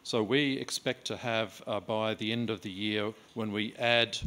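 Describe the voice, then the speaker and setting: A middle-aged man presenting a report at a conference lectern, steady and matter-of-fact. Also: lowish voice, a little slow. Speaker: organisation head giving a report. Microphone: lectern microphone.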